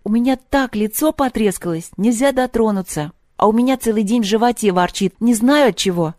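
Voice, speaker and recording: A woman's voice: fairly high pitch, brisk, a little mellow, no echo, studio quality, voice pushed up, lightly acted. A woman reading aloud, voicing tired children who complain in a raised, plaintive tone. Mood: whiny. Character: sickly complaining children after an outing.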